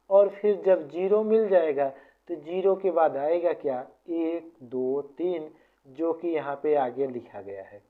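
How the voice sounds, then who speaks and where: A maths teacher patiently explaining formulas step by step, often repeating points. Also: medium pitch. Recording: tinny phone-like sound.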